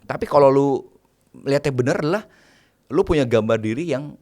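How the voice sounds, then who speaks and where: A man's voice: mid-range voice, brisk, darkish tone. A man, a private banker, chatting casually as an interview guest, mixing in English phrases and laying out numbered tips.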